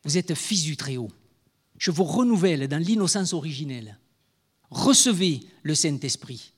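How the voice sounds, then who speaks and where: A man voicing Jesus as a calm, gentle teacher, speaking softly and solemnly in a sermon. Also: on the high side, normal speed, husky. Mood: solemn blessing.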